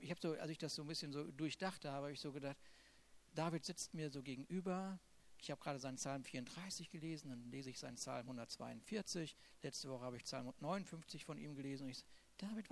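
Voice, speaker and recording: Man, preacher, high voice, conversational sermon, playful humor. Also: fast.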